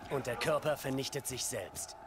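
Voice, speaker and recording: An actor playing a fierce, commanding rebel leader with solemn, rousing oratory in a video game. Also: male voice, mid-range voice, normal speed, close to an everyday voice. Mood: grave, commanding. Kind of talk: dramatic video game voice acting. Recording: loud battle noise and crowd behind.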